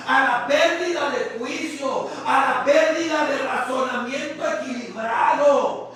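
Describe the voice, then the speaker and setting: A man preaching an impassioned sermon, often shouting and slowing down to stress his words. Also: very high voice. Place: church sanctuary. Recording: far from the mic in an echoey church hall with faint hiss.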